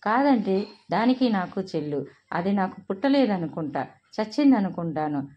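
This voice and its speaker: A woman's voice: medium pitch, sing-song, moderate pace, lo-fi sound, close to an everyday voice. A woman voicing a furious, bitter middle-aged mother who scolds shrilly in a read-aloud family story.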